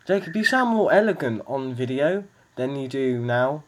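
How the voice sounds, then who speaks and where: A man's voice: medium pitch, lively intonation, moderate pace. A man hosting a casual podcast game over a video call, joking and teasing his friends as he talks. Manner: playful, teasing, laughs often. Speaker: podcast host. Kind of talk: casual chat.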